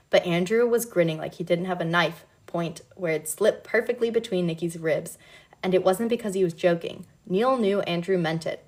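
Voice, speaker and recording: A woman reading a novel aloud in a relaxed, casual way, now and then breaking off to comment. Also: lowish voice. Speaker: reader.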